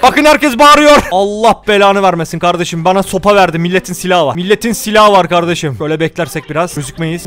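Male gaming YouTuber, very high voice, loud slangy play-by-play over faint music. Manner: rowdy slangy banter with excited exclamations. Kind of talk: gameplay commentary.

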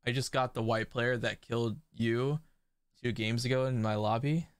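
A man streaming a strategy game, commenting live, excitable and laughing often, breaking into disbelieving exclamations. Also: medium pitch, normal speed, clear, resonant tone, dry recording, studio quality. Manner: laughs often while talking.

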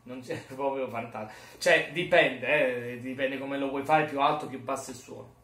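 A man's voice: medium pitch, moderate pace, a bit bright. Rambling, jokey male vlogger. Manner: rambling, jokey, self-mocking. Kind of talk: casual chat. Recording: roomy echo, mic far off.

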